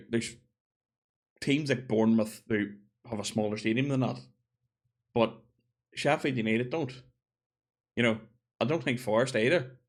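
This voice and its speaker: A man giving a casual opinion monologue, chatty and thinking aloud as he corrects himself. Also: mid-range voice. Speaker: gaming video creator.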